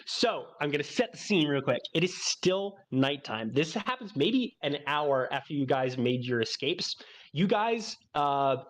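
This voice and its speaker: A man's voice: on the high side, expressive, unhurried. A man narrating as game master of a tabletop role-playing game, rambling with many fillers and restarts.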